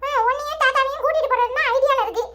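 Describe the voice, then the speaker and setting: A woman doing a squeaky cheeky village boy. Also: racing. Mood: teasing. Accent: Tirunelveli Tamil. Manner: teasing, chuckling banter. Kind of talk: cartoon voice acting. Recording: loud background noise.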